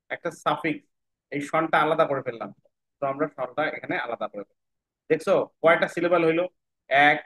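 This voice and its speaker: A man teaching children to break English words into syllables, spelling each letter aloud and repeating every word slowly while checking they follow. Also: on the high side, fairly bright tone, poor audio. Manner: checks in often with "right?".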